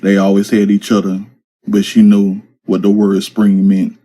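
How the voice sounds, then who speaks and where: Male narrator, low mellow voice, flat even delivery, casual slangy storytelling. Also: moderate pace. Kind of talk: reading his own urban fantasy story.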